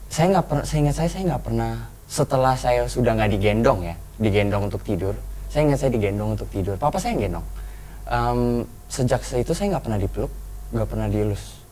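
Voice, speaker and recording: Young male guest, mellow dark tone, reflective, restarts often, faint background hiss. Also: medium pitch, lively intonation, rough recording. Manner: earnest, reflective, halting with restarts. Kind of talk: personal storytelling in a talk show.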